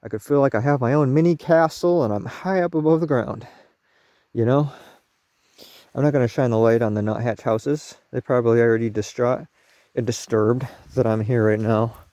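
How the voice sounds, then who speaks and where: A man's voice: mid-range voice, normal speed, warm tone. A man vlogging casually outdoors at night near a camper, rambling and correcting himself as he goes.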